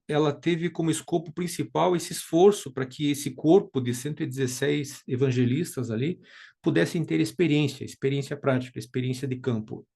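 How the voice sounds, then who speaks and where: Gravelly Brazilian man teaching, hesitant. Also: on the high side, darkish tone. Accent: Brazilian Portuguese. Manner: hesitant, many fillers and restarts. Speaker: study group teacher. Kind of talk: informal spoken lesson.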